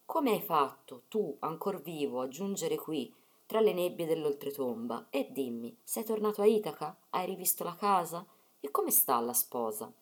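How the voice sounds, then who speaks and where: A woman reading the part of a mother's gentle ghost, speaking tenderly and soothingly. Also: deep voice, animated, moderate pace.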